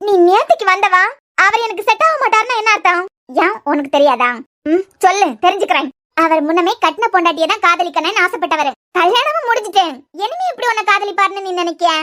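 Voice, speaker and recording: Woman for quarrelsome young cartoon women, Kanyakumari Tamil accent, very high and fast, reproachful. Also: lively intonation, pushed and bright, heavily acted. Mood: arguing. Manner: heated, reproachful arguing. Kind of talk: cartoon dialogue acting.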